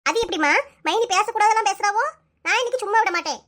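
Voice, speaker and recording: A woman's voice: very high voice, quick pace, a bit bright. A woman voicing a touchy, quarrelsome young sister-in-law in a comic cartoon, trading insults in a Kanyakumari Tamil accent. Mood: defiant.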